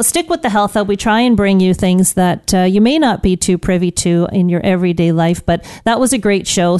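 A woman's voice: mid-range voice, darkish tone, smooth. A woman hosting a live morning radio health show from a studio, talking as a morning show host does.

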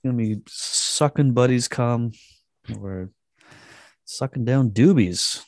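A man's voice: medium pitch, takes it slowly, darkish tone, no room sound, studio quality. A man co-hosting a casual chat, reading a post aloud with crude jokes and frequent laughs. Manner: crude joking, laughing often. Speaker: podcast co-host.

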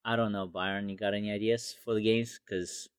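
A man's voice: fairly low pitch, level tone, brisk, smooth, no echo, studio quality. A man on a board game podcast, musing hesitantly over guesses. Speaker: podcast co-host. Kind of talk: casual chat.

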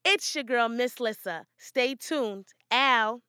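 A woman's voice: on the high side, takes it slowly, pushed and bright, clean tone, no echo, studio quality. A woman hosting her own podcast, talking casually and motivationally to her listeners. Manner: upbeat and motivational, chatty. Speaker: podcast host. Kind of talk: casual solo podcast monologue.

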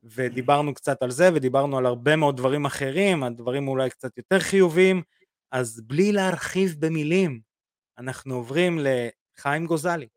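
A man hosting a podcast, talking in a relaxed, halting way with lots of filler sounds. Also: fairly high pitch, no echo, studio quality. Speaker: podcast host. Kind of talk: casual podcast chat.

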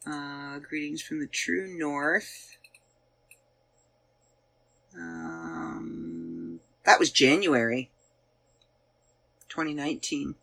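Canadian woman, 40s, podcast host, lively pitch, bright tone, rambling casual chat. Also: extremely slow, creaky, pauses often. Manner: chatty, rambling, searching aloud with fillers. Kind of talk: casual chat looking back on past episodes.

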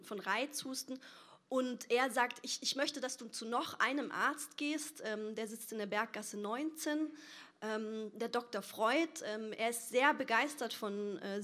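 A woman's voice: medium pitch, fairly bright tone. A woman retelling a story with many fillers, then reading a novel passage aloud as narrator. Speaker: reader and narrator.

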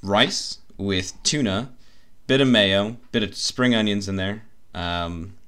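An American man talks casually in a low voice. He tells anecdotes with dry, deadpan wit and plays out the other people's lines himself. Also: takes it slowly, clean tone. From United States. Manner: dry, deadpan storytelling with acted-out quotes, occasional swearing. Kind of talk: casual chat.

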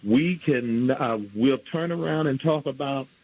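A man's voice: medium pitch, measured pace, darkish tone. A man in his sixties from New York, calling in to a radio show over a clipped phone line and speaking bluntly and indignantly. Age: 60s. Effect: clipped, muffled phone line. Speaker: radio call-in caller. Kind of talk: phone-in opinion.

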